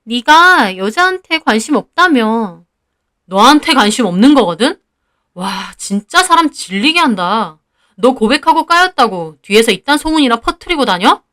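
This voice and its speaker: A woman reading the part of an indignant, fed-up teenage boy, speaking in forceful outbursts. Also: on the high side, sing-song, moderate pace. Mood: angry.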